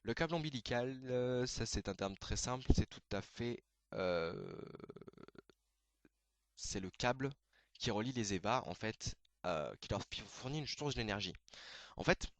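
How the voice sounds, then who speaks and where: A man hosting a casual anime video, explaining terms in a hesitant way, full of fillers and quick self-corrections. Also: mid-range voice, lively intonation, no room sound.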